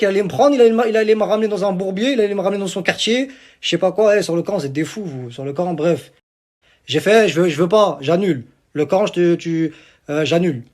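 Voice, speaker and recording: A young man from Algeria rants into his phone in a casual vlog. He talks fast in a fairly high voice, boastful and repetitive, piling oath on oath. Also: darkish tone. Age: young adult. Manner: boastful, repetitive swearing on the Quran. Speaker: social media personality.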